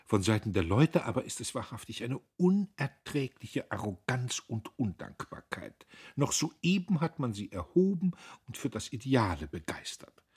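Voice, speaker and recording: A man's voice: mid-range voice, sing-song, moderate pace, a little mellow, breathy edge, voice pushed up. A man voicing a haughty aristocratic countess who speaks in a lofty, disdainful, affected way.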